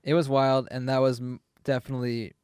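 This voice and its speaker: A man co-hosting a relaxed podcast chat, spinning a rambling story full of filler words. His voice sits in a middle pitch and is recorded close and dry, with no room sound around it. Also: a little fast, clear, resonant tone, no room sound. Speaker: podcast co-host. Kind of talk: casual chat.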